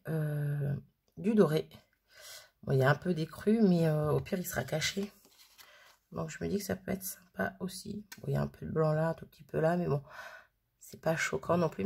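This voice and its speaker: A woman talks her way through a crafting project at home, chatty and full of hesitations. Her voice sits fairly low with a gravelly edge. A faint hiss of noise sits under the recording. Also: dark tone. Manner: chatty, thinks aloud with many fillers. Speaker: craft video host. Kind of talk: casual crafting tutorial chat.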